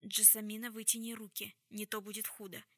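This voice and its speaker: A woman's voice: mid-range voice, level tone, fairly quick, a bit bright, dry recording, studio quality, close to an everyday voice. A woman reading an audiobook, voicing a stern, composed woman who speaks in a cold, level way.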